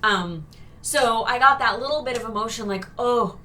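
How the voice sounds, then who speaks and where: A woman's voice: fairly high pitch, moderate pace, pushed and bright, far from the mic, slight background noise. A woman co-hosting a casual review chat, talking in a sarcastic way with many fillers. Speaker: co-host reviewing a TV episode.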